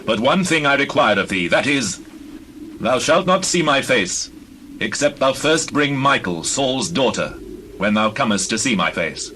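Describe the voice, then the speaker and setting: Commanding biblical-era king, played by a man: solemn, measured, forceful bright mid-pitched male voice, background noise. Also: lively intonation, poor audio. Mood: stern. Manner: measured, solemn archaic pronouncements. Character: stern, commanding ancient king. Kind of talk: dramatized scripture reading.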